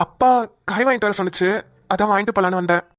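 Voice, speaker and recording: A woman voicing a gentle young village child in a cartoon who gives simple, plain answers. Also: medium pitch, rapid-fire, no room sound, clean studio sound, lightly acted.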